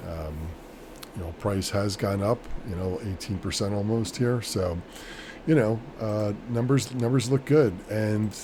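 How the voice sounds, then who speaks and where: A man's voice: on the low side, measured pace. A man chatting casually and off the cuff as a solo vlogger, rambling along in a matter-of-fact way. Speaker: vlogger, small-scale crypto miner. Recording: clear steady background noise.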